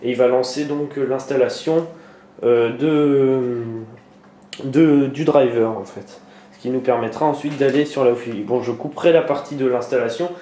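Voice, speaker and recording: Man, computer tutorial, hesitant with many fillers, mellow dark voice, echoey room. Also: mid-range voice, moderate pace. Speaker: tutorial maker. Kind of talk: screen-recorded computer tutorial. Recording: echoey room with faint noise.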